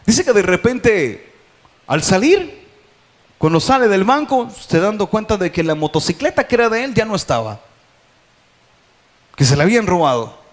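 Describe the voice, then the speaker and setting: High-voiced preaching pastor. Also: male voice, big pitch swings, moderate pace, long pauses. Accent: Salvadoran Spanish. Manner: rising to loud exhortation, call and response. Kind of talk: sermon. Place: church hall.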